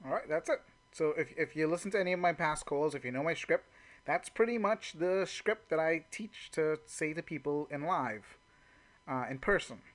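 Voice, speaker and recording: A man who trains network marketers goes over call examples in an informal, unscripted, conversational way, frequently saying "you know". His voice is a little high with lively intonation, at a normal pace.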